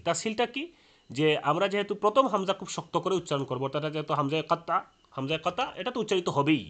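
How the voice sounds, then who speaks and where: A man gives a classroom-style lesson on recitation rules. His voice sits a little high, and he talks quickly. He explains point by point, often pausing on an "ah" before pressing on. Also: bright, forceful tone. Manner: explanatory, many "ah" fillers and restarts. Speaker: Quran recitation teacher.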